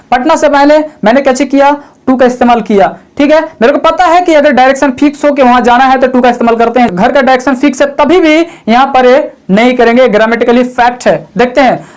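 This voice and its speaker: High-voiced man teaching grammar. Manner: asks himself questions and answers them, repeats points; calls the viewer "sir" in a chatty teaching tone. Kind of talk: spoken grammar lesson.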